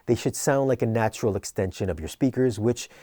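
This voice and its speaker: A man narrating an equipment review in a conversational but scripted, measured, explanatory way. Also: medium pitch, mellow, no echo, studio quality.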